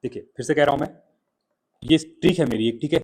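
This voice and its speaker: A man talks students through a past exam paper one question at a time. He drags out individual letter sounds and keeps checking in with a quick "theek hai". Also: fairly high pitch, darkish tone, breathy edge. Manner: explains step by step, repeats "theek hai" often; sounds out letters slowly and repeatedly. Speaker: exam tutor.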